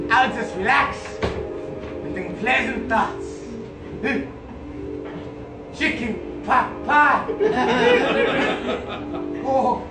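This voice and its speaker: Ren, an unhinged shrill chihuahua. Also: male voice, exaggerated voice. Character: Ren, a manic scrawny male chihuahua space captain. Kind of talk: live stage comedy acting. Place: small theater stage. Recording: echoey room from a far phone camera, audience laughter.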